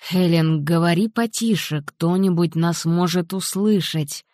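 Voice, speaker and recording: A woman's voice: a little slow, darkish tone, no echo, clean studio sound, natural voice. Leo, a woman reading a tense husband. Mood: hushed. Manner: low, restrained, urgent. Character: anxious husband, controlled and pleading. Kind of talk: audiobook character voicing.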